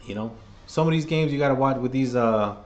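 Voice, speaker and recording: Man, hoarse, casual fan play-by-play host, rambling and opinionated. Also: mid-range voice, a little fast, a little mellow, muffled recording. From New York. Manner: rambling, opinionated, restarts phrases often. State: hoarse, losing his voice.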